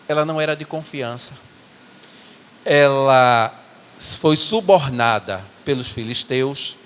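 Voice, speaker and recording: In an echoing sanctuary, a man plays a rueful biblical strongman telling the story of his own downfall in a first-person church monologue. The delivery is earnest and faltering, with repeated words, in a fairly high, natural voice.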